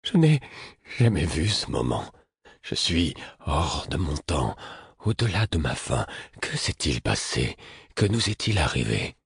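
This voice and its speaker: A man's voice: a bass voice, very animated, unhurried, gravelly, breathy edge, no room sound, studio quality, full character voice. A male reader voicing a distraught, bewildered man who speaks plaintively through sobs.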